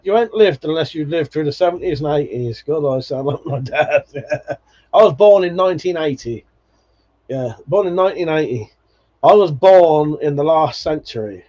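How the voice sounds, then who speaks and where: Over dull, lo-fi stream audio, a forties-aged man hosting a live stream laughs a lot and swears freely while going through viewer comments in a casual, nostalgic mood. The voice is slightly high and darkish in tone, animated and moderately paced.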